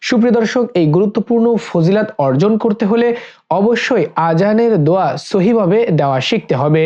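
A man from Bangladesh teaching prayer recitation, repeating each phrase slowly and chanting the Arabic lines melodically. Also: high-pitched, darkish tone. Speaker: religious teacher. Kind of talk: Quran-style recitation lesson. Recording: slightly dull lo-fi recording.

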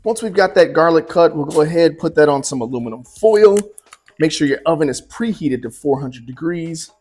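A man in his forties walks viewers through a recipe in his home kitchen, relaxed and chatty, often checking in with a quick "right?". His voice sits a little higher than most men's. Soft music plays faintly under the talk. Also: husky. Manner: easygoing, chatty, tosses in asides and "right?". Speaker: cooking show host. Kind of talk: relaxed cooking demonstration.

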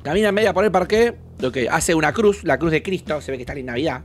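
Argentine guy doing crude reaction commentary, high voice that bounces all over, shouty then mumbly. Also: animated, quick pace, soft background music. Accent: Argentine Rioplatense. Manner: crude, mocking, swings from shouts to mutters. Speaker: reaction video host.

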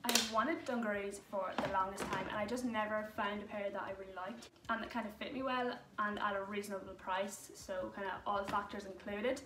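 A woman's voice: mid-range voice, steady tone, brisk, few pauses, distant mic. A young woman chatting casually through a clothing try-on haul, full of "like" fillers. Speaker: fashion vlogger. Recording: roomy echo, voice away from mic, faint noise.

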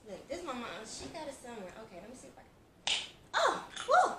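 A young woman cooking vlogger chats casually with viewers while cooking in her home kitchen, captured by a fixed camera across the room. She talks fast in a high voice with wildly swooping pitch. The audio is noisy and echoey, with her far from the mic.

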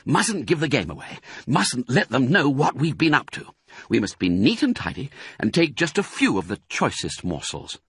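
A man's voice: mid-range voice, wildly swooping pitch, normal speed, slightly rough, no echo, studio quality, pitched above the performer's own voice, full character voice. Man voicing exuberant Mister Fox, swooping theatrical delivery. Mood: commanding, careful. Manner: theatrical, exclamatory, relishing words. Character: exuberant, proud, bossy adult male fox, a doting father.

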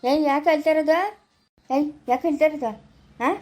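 A woman with a Chikkaballapura Kannada accent plays a blunt rural husband who scolds his wife loudly in a family short drama. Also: sits high, fairly even intonation, a little fast, lightly acted. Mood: scolding. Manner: loud, scolding.

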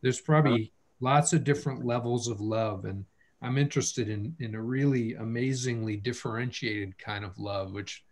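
A man hosts a relaxed online session, speaking in a mid-range voice over a video call. He talks conversationally and works his thoughts out aloud, sometimes restarting a phrase. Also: mid-range voice, moderate pace. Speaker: host of an online family-studies program. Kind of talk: casual webinar talk.

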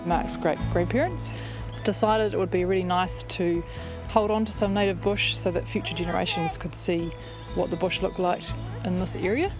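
A woman's voice: lowish voice, fairly even intonation, normal speed. Young New Zealand woman farmer. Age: young adult. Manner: earnest, chatty, with fillers like "like" and "actually". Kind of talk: documentary interview. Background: background music.

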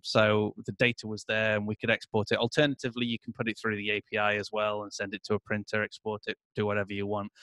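A man explaining a software setup during an interview, walking through his screen in a relaxed, filler-heavy way. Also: fairly low pitch, no echo. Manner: explanatory, many fillers and "et cetera". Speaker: interview guest, agency owner. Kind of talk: casual screen-share walkthrough.

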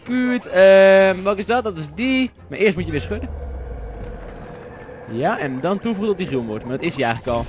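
A man's voice: on the high side, expressive, brisk, long pauses, slight background noise. A man from the Netherlands with a Dutch accent, doing jokey let's-play commentary, chatty and swearing often. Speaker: gaming commentator.

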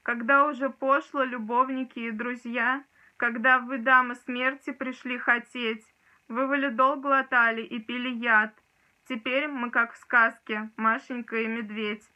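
Young woman declaiming poetry, bright and forceful. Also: fairly high pitch, level tone, a little slow. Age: young adult. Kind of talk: dramatic poetry declamation from a book. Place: small room indoors. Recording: dull, lo-fi sound.

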